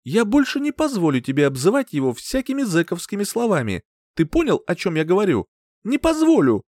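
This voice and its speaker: A man voicing a frantic, furious woman, a grieving mother, in an audiobook, shouting in fierce, high cries. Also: huge pitch swings, a little fast, no echo, clean studio sound. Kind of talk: audiobook character voice.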